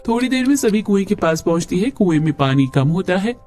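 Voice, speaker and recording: A man's voice: sing-song, a little fast, darkish tone, soft background music. A man narrating a cartoon story and doing the voices of every figure. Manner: plays women and children by raising his pitch.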